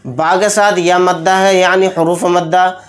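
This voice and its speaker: Recitation teacher, male, high voice, very slow, deliberate explanations with chanted examples. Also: little pitch movement. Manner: draws out recited words in long, chanted tones. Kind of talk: tajweed lesson. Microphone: close mic, speaking while pointing with a pen.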